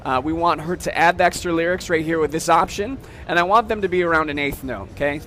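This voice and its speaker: A man with a slightly high voice walks through a software demo in a loose, casual way. He explains each step and keeps asking "okay?". Faint music plays in the background. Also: fast. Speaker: software demonstrator. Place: trade show floor.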